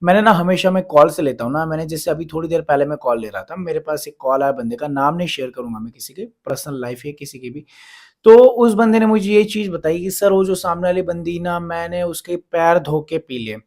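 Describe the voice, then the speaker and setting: A man's voice: on the high side, fairly quick, gravelly, a little mellow. A man giving relationship advice as a coach, lecturing earnestly and with a lot of repetition. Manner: earnest, repetitive lecturing, acts out complaints of the people he advises. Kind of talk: advice monologue to camera.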